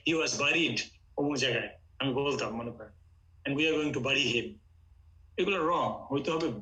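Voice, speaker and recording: A man's voice: fairly high pitch, bright, forceful tone, poor audio. A man from Bangladesh teaching an online Quran Arabic class, explaining step by step and mixing in English.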